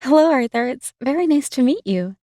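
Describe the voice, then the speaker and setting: A woman's voice: sits high, lively intonation, brisk, dark tone, no room sound, studio quality. An actress playing a graceful, polite female pen in a cartoon. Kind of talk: animated cartoon voice acting.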